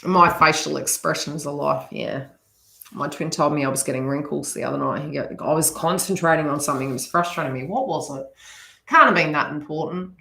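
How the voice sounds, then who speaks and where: This woman's low, fairly quick voice is creaky, pushed and bright, carrying a mild New Zealand accent. She hosts a live stream as a psychic reader, wandering through spiritual advice with casual remarks to viewers, recorded with a roomy echo.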